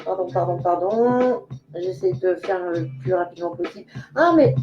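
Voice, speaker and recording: A woman's voice: lowish voice, moderate pace, muffled recording, over music. Chatty, giggly older woman medium. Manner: chatty, giggly, talks directly to viewers. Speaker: clairvoyant medium hosting a live stream. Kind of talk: casual live-stream chat.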